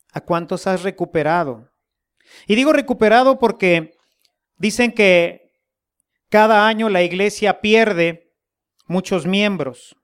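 Slow folksy Mexican preacher. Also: mid-range voice. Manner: folksy, humorous, rhetorical questions. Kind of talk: sermon.

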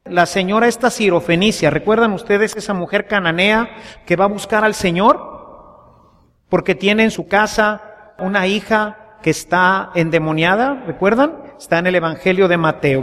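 A man's voice: high voice, fairly bright tone. A male priest preaching a sermon, asking the congregation questions and repeating phrases. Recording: long reverb in a large church.

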